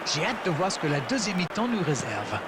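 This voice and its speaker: A man's voice: high voice, very animated, brisk. A man playing a keen football co-commentator in a video game, analysing play. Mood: keen, analytical. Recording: loud stadium crowd noise behind.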